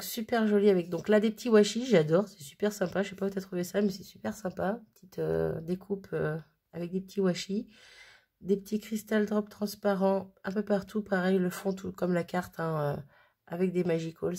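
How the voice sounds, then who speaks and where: A woman with a husky, slightly breathy voice talks casually as a crafting vlogger. She gushes about what she shows and often trips over her words. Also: lowish voice, steady tone, normal speed, mellow. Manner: gushing, stumbling over words. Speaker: crafting vlogger showing mail she received. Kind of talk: casual chat.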